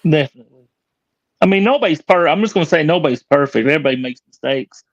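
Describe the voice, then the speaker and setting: A man's voice: on the high side, lively intonation, fast, no echo. A man chatting on a livestream in a laid-back, agreeable way, with loose slangy speech. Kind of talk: casual livestream chat. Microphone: video call. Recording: slightly muffled audio.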